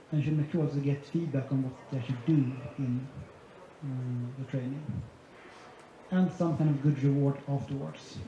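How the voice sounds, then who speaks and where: A man's voice: medium pitch, dark tone, slight background noise. A man giving a conference presentation, laying out his points methodically one by one. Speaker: conference speaker. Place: large conference hall. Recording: echoey hall, dull sound, faint ambience.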